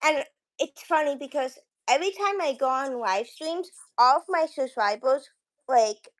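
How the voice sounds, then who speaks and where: High-voiced woman rambling casually. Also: animated, measured pace, rough recording. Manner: rambling, quotes conversations with frequent "like". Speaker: guest, YouTube creator. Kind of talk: casual livestream chat.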